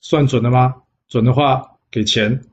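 A man playing a shrewd old male fortune-teller, speaking calmly and plainly. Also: medium pitch, a little slow, natural voice. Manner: calm and matter-of-fact. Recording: dull lo-fi sound.

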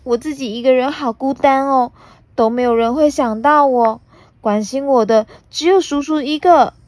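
A woman voicing a small, lonely young dinosaur girl in a storybook reading, in a very high, childlike voice. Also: expressive, moderate pace, a little mellow, dry recording. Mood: pleading.

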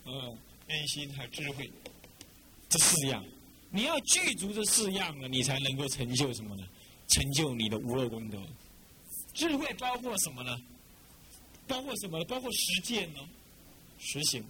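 Middle-aged abbot, dharma talk, bright and animated, quizzes the room, faint background noise. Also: male voice, a little high, poor audio. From Taiwan. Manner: lively, rhetorical, keeps quizzing listeners. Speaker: abbot teaching monastics.

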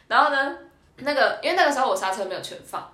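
A young woman, co-hosting a podcast and telling a story in casual chat, animated and laughing often. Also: high voice, fast. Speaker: podcast co-host. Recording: roomy echo.

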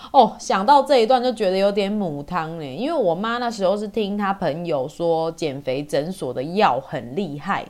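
A woman's voice: mid-range voice, darkish tone. A woman in her forties from Taiwan with a Taiwanese Mandarin accent, telling personal stories as a podcast host in a chatty, colloquial way. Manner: chatty, colloquial, with sentence-final particles. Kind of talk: casual personal storytelling.

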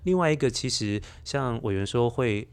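A man with a Taiwanese Mandarin accent, a children's storyteller, speaks as a podcast guest in a conversational interview, explaining things reflectively and repeating words for emphasis. His mid-range voice has lively intonation and a clean tone at a normal pace.

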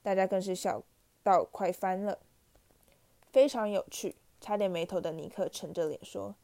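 Woman narrator, mellow, steady audiobook reading. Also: fairly low pitch, moderate pace, creaky. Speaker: storyteller.

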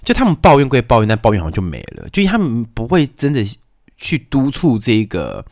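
A man telling his own stories in a casual monologue, complaining in an animated, exasperated way and throwing out rhetorical questions. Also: medium pitch, fairly quick, no echo, studio quality. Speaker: vlogger telling personal stories.

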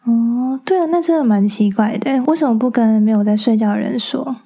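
A young woman, co-hosting a casual podcast chat and telling stories with lively acted-out quotes. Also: a little high, a little fast, slightly rough. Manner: animated storyteller who acts out quotes. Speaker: podcast co-host.

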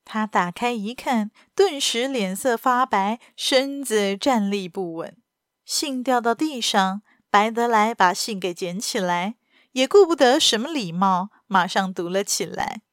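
A woman's voice: medium pitch, unhurried, no room sound. Woman reading a story, dry close sound. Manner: steady, even narration. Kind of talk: reading a novel aloud.

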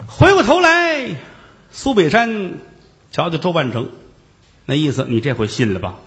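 Storyteller guy, fairly high voice, swoopy and animated, does all the character voices. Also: moderate pace. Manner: lively, switches between character voices, chuckling asides. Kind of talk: traditional Chinese comic storytelling.

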